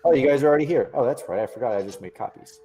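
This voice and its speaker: A man's voice: mid-range voice, lively intonation, very fast, mellow. A young man narrating as game master for a tabletop game, often repeating words as he restarts his sentences. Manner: stammering restarts, acts out characters' lines.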